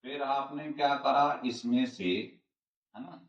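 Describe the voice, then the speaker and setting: A chemistry teacher with a medium-pitched voice and fairly even intonation delivers a classroom lecture slowly. He repeats each step over and over, asking questions and answering them himself. The recording is roomy, distant, and dull-sounding.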